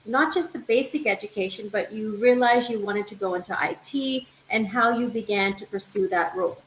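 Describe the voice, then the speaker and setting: A woman's voice: mid-range voice, moderate pace. A woman hosting an interview, asking long, enthusiastic, framing questions. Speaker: interview host. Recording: echoey room with faint noise.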